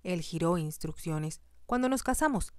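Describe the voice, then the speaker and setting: A woman's voice: fairly low pitch, lively intonation, moderate pace, no echo, natural voice. A woman voicing a haughty, hostile stepmother who speaks in a cold, curt and scornful way.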